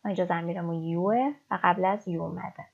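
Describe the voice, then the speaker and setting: A woman teaching English in a recorded lesson, explaining step by step and reading example sentences slowly. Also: on the low side, steady tone, vocal fry, husky. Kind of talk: recorded online language lesson. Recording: dull lo-fi recording.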